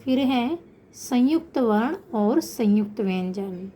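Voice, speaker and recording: Slow, patient woman teaching children. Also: on the high side, expressive, mellow, slight background noise. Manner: patient, explanatory, addresses children; slows down to pronounce example words. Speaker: Sanskrit teacher. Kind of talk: online class lesson.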